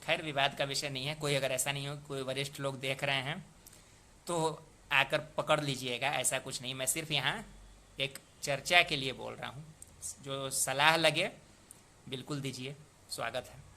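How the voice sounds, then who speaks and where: Male tutor, young adult, bright cutting tone, patient and methodical, sounds words out slowly. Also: medium pitch, steady tone. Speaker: poetry meter teacher. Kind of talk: explanatory lesson.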